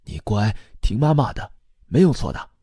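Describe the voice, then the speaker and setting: A man's voice: mid-range voice, very animated, moderate pace, warm tone, husky, no room sound, clean studio sound, voice pushed up. A man voicing a nagging, dismissive mother who coaxes and lectures her daughter. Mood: coaxing.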